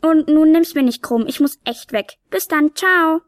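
A woman's voice: sits high, dry recording, voice pushed up. A woman doing a tiny cheeky Nicholas helper. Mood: hurried, breezy. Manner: cheeky, chatty and hurried.

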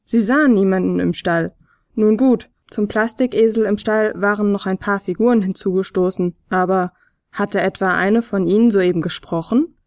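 A woman narrating a children's advent story in a gentle, expressive read-aloud manner. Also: medium pitch, moderate pace, no room sound, clean studio sound.

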